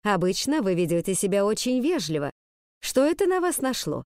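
A woman's voice: medium pitch, very animated, brisk, darkish tone, smooth, no room sound, clean studio sound, natural voice. A woman voicing a stern, irritable older headmistress with a stiff, reproachful manner. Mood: weary reproach.

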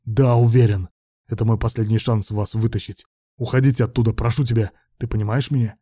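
A man's voice: medium pitch, fairly even intonation, brisk, mellow, no room sound, studio quality, lightly acted. A man voicing a desperate young man who speaks tensely and with defiance.

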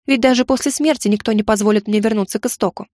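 A woman's voice: fairly high pitch, fairly even intonation, fast, darkish tone, dry recording, studio quality, natural voice. A woman reader voicing a proud young witch heroine who talks in a sarcastic, snappy way, in an audiobook.

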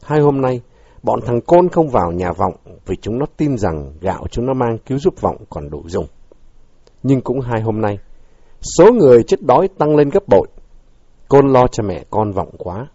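A man narrating a story as an audiobook, reading with expressive, dramatic delivery, on a dull lo-fi recording. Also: medium pitch, normal speed, dry recording.

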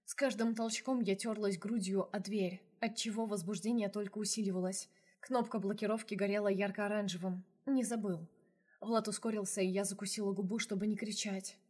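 A woman's voice: medium pitch, fairly even intonation, a little fast, a little mellow, husky. A woman reading a first-person novel aloud as an audiobook narrator, in an intimate storytelling manner.

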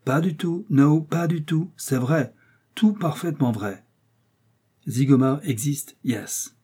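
A man voicing a boastful, excitable American detective who speaks French with an American accent, drawing out his words with emphasis. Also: mid-range voice, breathy edge. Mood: insistent. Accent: American English speaking French. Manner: emphatic, drawn-out, proud. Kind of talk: audiobook character reading.

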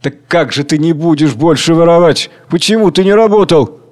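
A stern, imperious ruler presides over a court of the poor, questioning coldly, as a man reads him aloud. The voice sits a little high for a man. It is a read-aloud stage play. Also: moderate pace, a little mellow, in a large hall, lightly acted. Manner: cold, interrogating.

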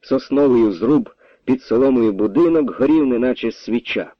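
A man narrates a story with lively, expressive intonation. The sound is dry and close to the mic. The recording is slightly dull and lo-fi. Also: medium pitch, normal speed, dry recording. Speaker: audiobook narrator. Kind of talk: scripted narration.

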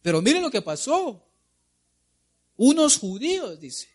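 A man's voice: very high-pitched, very animated, a little slow. A man preaching a sermon, dramatically asking the congregation questions and answering them himself.

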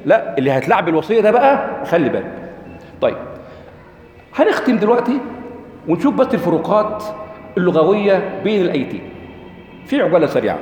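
A man's voice: high-pitched, big pitch swings, fast talker, long pauses, darkish tone. A man with an Egyptian accent giving a religious lecture, constantly asking the audience rhetorical questions. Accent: Egyptian Arabic. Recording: echoey hall with long reverb.

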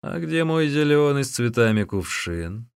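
A burly, arrogant young bully speaks with loud scorn, acted out by a man reading the story. The voice sits raised and pushy, with dry close sound. Storybook reading. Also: mid-range voice, sing-song, moderate pace, creaky, clean tone, no room sound, voice pushed up. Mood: haughty scorn. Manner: haughty, scornful.

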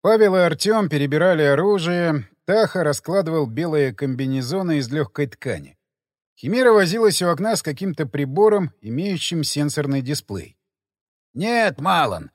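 A man narrating an audiobook in scripted, expressive storytelling. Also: a little high, moderate pace. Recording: dry close mic with long added reverb.

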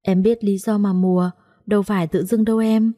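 A woman voicing a gentle, resigned young woman who speaks softly and calmly in an audiobook story. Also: mid-range voice, fairly quick, lightly acted. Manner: soft, calm and gently chiding.

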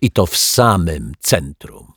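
A man's voice: low-pitched, animated, takes it slowly, fairly bright tone, slightly rough, no room sound, studio quality, exaggerated voice. A man voicing a grumpy, touchy waiter in a children's storybook reading, grumbling and taking offence easily. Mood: indignant. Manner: sulky, grumbling, indignant.

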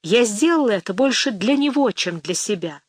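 A woman reading a first-person diary aloud in a calm, measured storytelling manner. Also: medium pitch, husky, no echo, studio quality. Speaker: audiobook reader.

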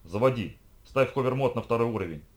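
A man reading an audiobook, voicing a tough, quick-tempered young woman who barks orders. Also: mid-range voice, lively intonation, natural voice. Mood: urgent bossing. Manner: barking orders.

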